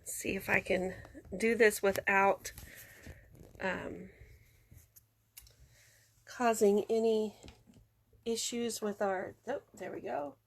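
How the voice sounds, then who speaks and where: A woman's voice: medium pitch, fairly even intonation, slow pace, creaky, pauses often. A congested woman chatting casually through a craft tutorial, talking through each step as she works. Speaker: card-making demonstrator.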